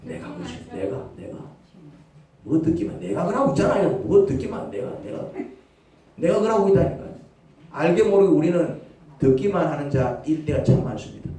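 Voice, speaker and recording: Animated preaching man, echoey hall. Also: a little high, a little fast, distant mic. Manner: animated preaching, swinging from loud cries to near whispers. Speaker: pastor. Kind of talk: sermon. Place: church sanctuary.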